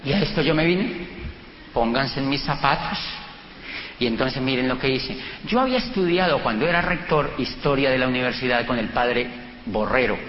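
At a normal speed, a middle-aged man with a Colombian Spanish accent gives a storytelling lecture, acting out conversations with energetic shifts in pitch as he relates his own anecdotes. Faint noise and echo fill the dull hall recording.

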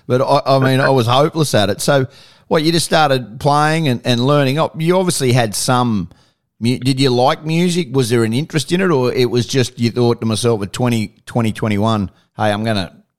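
A man's voice: medium pitch, brisk. A man with a Queensland Australian accent interviewing casually, blokey in manner, with long rambling questions. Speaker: radio interviewer.

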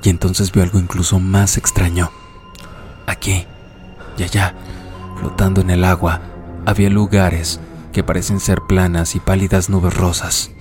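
A man narrating a story in a steady, measured scripted way. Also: sits low. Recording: music playing underneath. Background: music.

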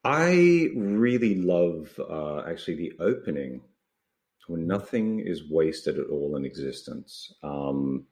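Deep-voiced Australian man with a laconic drawl. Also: very animated, takes it slowly, a little mellow. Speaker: interview guest, writer. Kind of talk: reflective conversation.

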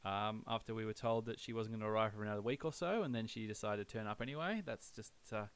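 A man's voice: on the low side, quick pace, smooth. An Australian man hosting a podcast in casual chat, with a laconic, laid-back drawl. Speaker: podcast host.

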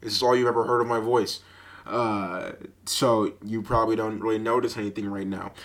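Brisk and animated, a young podcast host with a deep voice rambles through stories alone, laughing and dropping fillers throughout. The setup is a budget microphone with a sock stretched over it as a pop filter.

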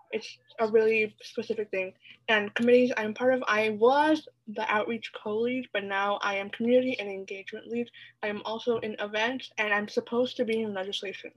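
A woman's voice: a little high, low-quality recording. An eighteen-year-old woman with a slight lisp and whistling s, introducing herself casually as a podcast guest. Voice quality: lisp with whistling s from new braces. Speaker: podcast guest, youth committee lead. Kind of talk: casual round-table introduction.

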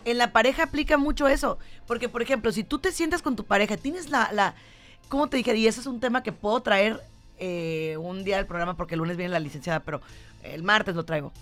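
A woman's voice: mid-range voice, a little fast, a bit bright, soft background music. A woman with a Mexican Spanish accent co-hosting a talk show, chatting casually and acting out quoted lines with animation. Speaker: radio show host.

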